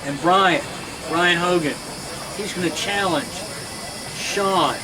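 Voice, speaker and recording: Male host, higher-pitched, chatty and repetitive, live banter over heavy noise. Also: takes it slowly. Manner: chatty, repeats short phrases. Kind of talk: casual live hosting and banter. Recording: very noisy outdoor setting with hiss.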